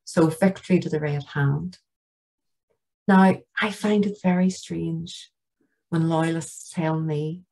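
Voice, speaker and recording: Northern irish woman giving a church talk, lowish voice, earnest and a bit indignant. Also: creaky, husky, rough recording. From Northern Ireland. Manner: earnest, plain-spoken, quietly indignant. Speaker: guest lecturer. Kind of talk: church lecture with slides.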